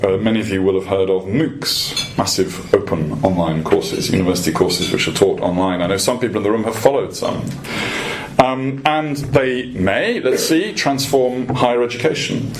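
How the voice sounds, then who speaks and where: A man with a lowish voice, an industry association executive, gives a prepared policy presentation as guest speaker in an event room at a dinner debate. He is measured and lightly humorous, with pauses, and the live recording is clearly noisy.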